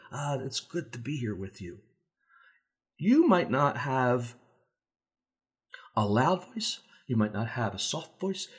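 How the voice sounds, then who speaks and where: Man giving folksy safety advice. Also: medium pitch. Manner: relaxed, folksy, uses everyday examples; acts out contrasting voices to make points. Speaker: safety speaker and trainer. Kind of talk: conversational instructional talk.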